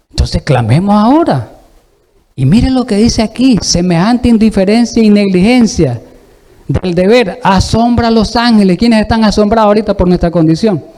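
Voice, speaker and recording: A man's voice: high-pitched, dark tone. A man preaching a sermon, exhorting the congregation and asking it rhetorical questions.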